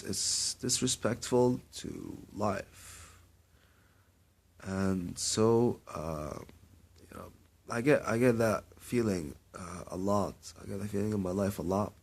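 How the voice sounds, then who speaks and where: A young man from Kuwait talks through a rambling personal monologue in a very low, gravelly voice with a husky edge. He stops and restarts often and repeats his words as he goes. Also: darkish tone. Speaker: vlogger.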